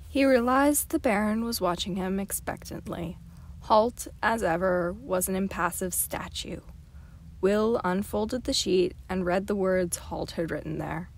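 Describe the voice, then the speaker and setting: A woman reading a novel aloud as an amateur audiobook narrator, in a steady, clear storytelling manner. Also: medium pitch. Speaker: audiobook reader.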